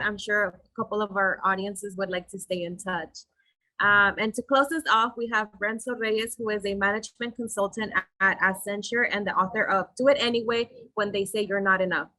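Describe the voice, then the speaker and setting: A woman moderating an online panel, briskly introducing speakers over a video call. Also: medium pitch, fairly even intonation, pushed and bright, rough recording.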